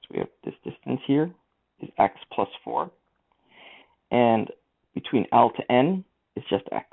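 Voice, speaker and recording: A man's voice: mid-range voice, animated, measured pace, gravelly. A man teaching a math lesson, talking through each step of the working aloud. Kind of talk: screen-recorded lesson walkthrough. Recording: tinny lo-fi mic.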